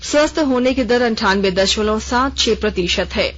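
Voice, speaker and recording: A woman newsreader delivers a formal regional radio news bulletin in a measured, even way, her voice a little high. She's on a studio microphone, but the broadcast sounds dull and lo-fi.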